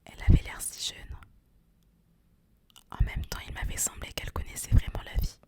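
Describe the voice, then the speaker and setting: A young adult woman doing ASMR book talk in a hushed, breathy library whisper with no voice behind it. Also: normal speed. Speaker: host of a book recommendation video. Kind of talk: whispered ASMR talk about favourite books, with some reading aloud.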